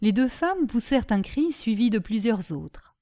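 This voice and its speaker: A woman narrating a storybook with a fairly high, very lively voice. Her reading is expressive and dramatic, with wide swings in pitch. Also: moderate pace, dry recording, clean studio sound. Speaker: reader.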